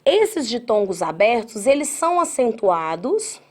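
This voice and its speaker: A woman from Brazil giving an exam-prep grammar lecture. She talks straight to her students, spells words out slowly syllable by syllable and acts out their objections. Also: on the high side, sing-song. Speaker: grammar teacher.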